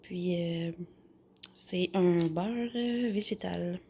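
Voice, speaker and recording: Young Québécoise woman, home cooking vlog, rambling and casual, gravelly and mellow tone. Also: lowish voice, extremely slow, a little hiss or hum. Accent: Québécois French. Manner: chatty, rambling, with many fillers. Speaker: vlogger. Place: home kitchen.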